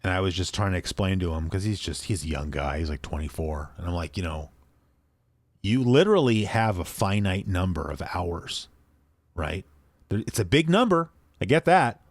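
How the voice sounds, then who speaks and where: With a deep voice at normal speed, this male co-host casually rambles through listener mail on a podcast, keeping things relaxed. No room sound comes through.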